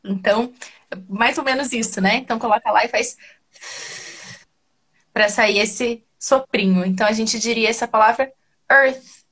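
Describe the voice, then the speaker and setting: A Brazilian woman co-teaches a live English lesson, patiently walking through how to pronounce sounds. Her voice is somewhat high and a little husky. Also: moderate pace, fairly bright tone. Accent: Brazilian Portuguese. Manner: patient, step-by-step explanations. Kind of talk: explaining pronunciation in a live class.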